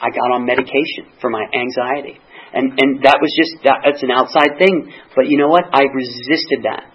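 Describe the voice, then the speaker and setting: A middle-aged man giving a personal recovery testimony, halting and restarting, often repeating words. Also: mid-range voice, steady tone, husky. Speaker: speaker sharing a recovery story. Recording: dull lo-fi recording.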